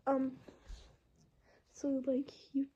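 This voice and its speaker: A woman's voice: sits high, monotone, very slow, warm tone, muffled recording, a little hiss or hum. A woman improvising a listener role-play story at home into a phone, rambling with many fillers and sometimes dropping into a whisper. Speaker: voice actor.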